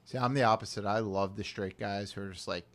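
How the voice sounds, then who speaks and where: A young man in casual podcast chat, blunt and animated, acting out quoted voices as he tells stories. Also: fairly low pitch, fast talker. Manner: blunt, animated storyteller who acts out voices. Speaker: podcast co-host.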